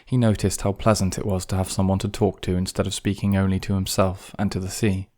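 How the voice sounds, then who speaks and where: Deep, steady male audiobook narrator. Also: fast. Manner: calm, even reading. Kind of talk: scripted narration.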